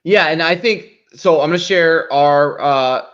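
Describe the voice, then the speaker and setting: This man, hosting a live marketing show, has a fairly high and bright voice and speaks a little slowly. He presents and critiques casually but emphatically, regularly tagging his points with questions for agreement, over dull lo-fi audio.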